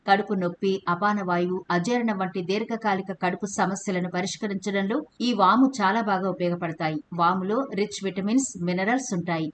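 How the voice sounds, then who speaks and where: A woman hosting a home remedy channel, reading a steady scripted explanation and addressing viewers as friends. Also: medium pitch, brisk, few pauses, a little hiss or hum. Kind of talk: scripted voice-over narration.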